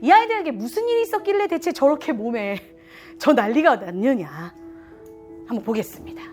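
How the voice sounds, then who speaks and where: A woman's voice: fairly high pitch, big pitch swings, brisk, a little mellow, faint music behind. A woman giving a live lecture to parents on communication styles, playful, often laughing and acting out what people say. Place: lecture room with a live audience.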